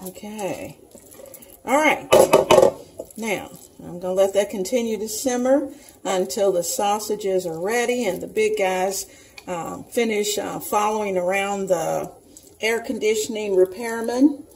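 Slow, chatty woman cooking at home. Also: mid-range voice, a little mellow, slight background noise, low-quality recording. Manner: chatty, homey, talks the viewer through each step. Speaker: home cooking video host. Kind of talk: casual cooking demonstration. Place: home kitchen.

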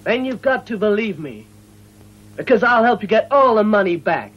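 An actor playing a cheerful old beggar fortune-teller in a dubbed martial arts film, boastful and persuasive like a street hawker. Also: male voice, sits high, sing-song, normal speed, breathy edge, full character voice. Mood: boastful, persuading. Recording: muffled old film dub with music.

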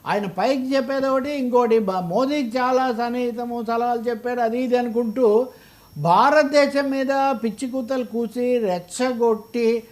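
A man with a very high-pitched voice and a Telugu accent offers political commentary at a moderate pace with fairly even intonation. He is emphatic and argumentative, frequently driving his points home with rhetorical questions.

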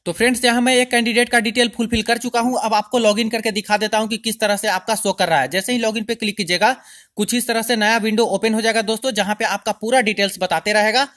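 A man's voice: high-pitched, fairly even intonation, fast, fairly bright tone. A man hosting a channel, talking viewers through an online process step by step in a chatty screen-recording tutorial, constantly calling them friends. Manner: step-by-step instructional. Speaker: YouTube channel host.

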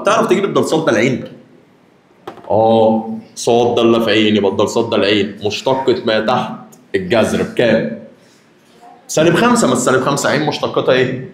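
Young Egyptian-accented male math teacher, teasing classroom banter, mid-pitched, echoey room. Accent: Egyptian Arabic. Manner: teasing, addresses students directly. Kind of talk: lively classroom lesson.

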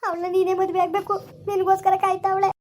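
A woman's voice: extremely high pitch, level tone, fast, a little mellow. A woman acting a village mother who pleads with and scolds her soldier son. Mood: pleading. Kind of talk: village family drama acting.

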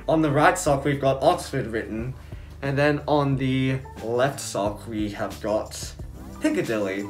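A young adult man giving a casual, laid-back product review to camera, talking through a cloth face mask. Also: medium pitch. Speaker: sneaker reviewer, video host. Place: indoors, small room at home.

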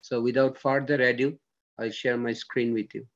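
A man's voice: medium pitch, little pitch movement, normal speed. A man teaching a statistics lesson as a screen-recorded voice-over, working through it step by step and often checking in with "okay?". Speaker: statistics lecturer. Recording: dull lo-fi screen-recorded audio.

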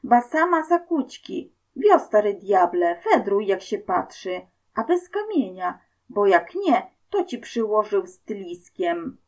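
A woman's voice: medium pitch, lively intonation, measured pace. Woman doing a crafty coal miner. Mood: mocking. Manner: mocking, boisterous dialect speech.

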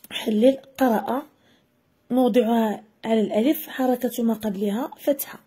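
Woman teacher, husky and warm, slightly high voice, patient lesson delivery. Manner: slow, deliberate dictation of example words. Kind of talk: classroom grammar lesson. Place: video lesson voice-over.

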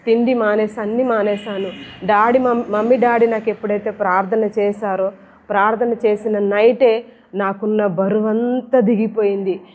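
A woman's voice: medium pitch, level tone, normal speed, slight background noise. A woman giving an earnest personal religious testimony and repeating her phrases as she tells it. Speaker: church member giving testimony. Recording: tinny phone-like sound.

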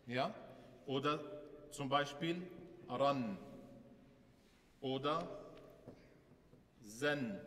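This man's voice is high and fairly bright, with a long reverb tail behind it. He teaches the Arabic alphabet to a class, patiently repeating points and putting questions to his students.

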